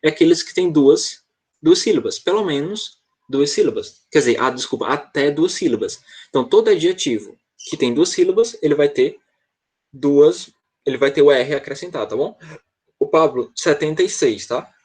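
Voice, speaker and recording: A man with a somewhat high voice teaches an online class over a computer mic. He explains in a relaxed, chatty way and keeps checking in with his students. He is from Brazil. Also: normal speed, slightly rough. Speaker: English teacher.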